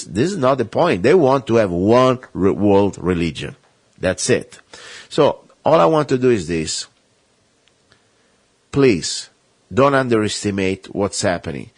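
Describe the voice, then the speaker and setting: A man's voice: lowish voice, no room sound. A man hosting a talk radio show, delivering an emphatic, rambling, impassioned monologue.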